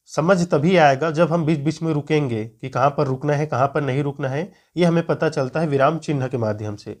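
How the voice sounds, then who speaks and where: A man teaching Hindi grammar for an exam, explaining patiently and repeating key points. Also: on the high side. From Chhattisgarh, India. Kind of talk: screen-recorded lesson.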